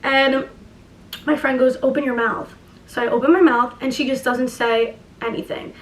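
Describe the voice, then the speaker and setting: A young woman with a high voice talks in an echoey room, a little away from the microphone. She has a lisp and speaks through a barely opened jaw. Her storytelling is casual and confessional, peppered with swearing and filler "likes". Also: steady tone, normal speed, recorded from a distance. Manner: emphatic, swearing, heavy use of "like". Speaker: vlogger.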